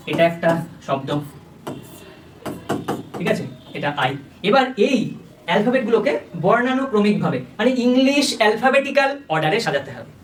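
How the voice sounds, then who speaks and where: Brief: quick exam-prep tutor, recorded at a distance from the mic. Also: mid-range voice, roomy sound, slight background noise. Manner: step-by-step explaining, often checks understanding. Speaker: coaching teacher.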